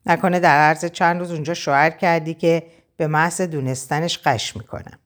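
A woman voicing a lively, teasing young woman friend on the phone in an audiobook. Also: low voice, lightly acted.

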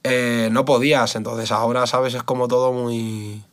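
Man, fighter guest, blunt casual talk, dry close sound, middle pitch. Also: little pitch movement, normal speed, fairly bright tone, no room sound. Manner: candid and blunt, swears often, says "tío" and "¿sabes?" a lot. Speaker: MMA fighter, podcast guest.

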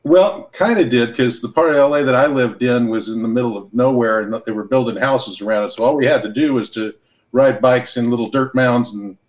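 A middle-aged American man from Los Angeles and Hawaii appears as a podcast guest, explaining business casually with anecdotes in plain, colloquial language. His mid-range voice is fairly quick, and the recording's highs are cut off.

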